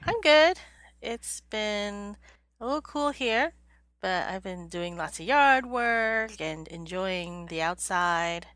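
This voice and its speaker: A woman's voice: medium pitch, expressive, slow pace, a bit bright, no room sound, studio quality. A middle-aged woman co-hosting a casual podcast from her home, a little stuffy-nosed, easygoing and giggly. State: stuffy nose. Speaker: podcast co-host. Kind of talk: casual chat.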